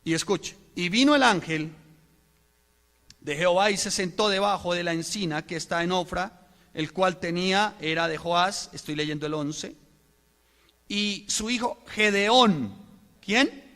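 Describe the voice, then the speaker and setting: A male pastor preaching a sermon, reading scripture aloud and putting questions to the congregation in an expressive way. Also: sits high, a little slow, big-room sound. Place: church.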